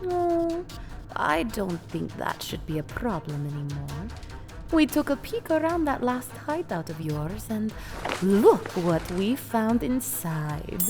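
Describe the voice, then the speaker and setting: In an audio drama, a haughty female crime boss speaks slowly with silky menace, her pitch swooping expressively. Gloating, she is theatrical, condescending and mock-polite, with music playing clearly behind her.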